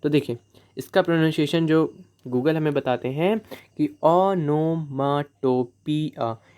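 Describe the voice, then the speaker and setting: A man teaching English poetic devices in Hindi. He mixes in Indian-accented English and slows down to read the example lines aloud. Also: fairly high pitch, darkish tone. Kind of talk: classroom lesson, Hindi with English.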